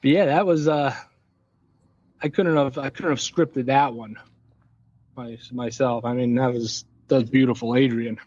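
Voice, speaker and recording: A man's voice: mid-range voice, fairly even intonation, normal speed, a little mellow. A man who is a guest on a podcast, telling stories in an easygoing, joking way. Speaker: podcast guest, packaging inventor. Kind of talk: casual interview chat. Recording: dull, dry lo-fi sound.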